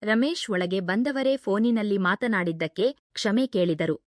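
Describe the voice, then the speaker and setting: A woman's voice: medium pitch, normal speed, no echo. Woman reading a story, dry close sound. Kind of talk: scripted first-person story narration.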